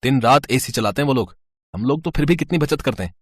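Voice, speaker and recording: A man's voice: medium pitch, lively intonation, quick pace, natural voice. A man voicing a grown son who casually brushes off his mother's worries in a cartoon story. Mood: dismissive.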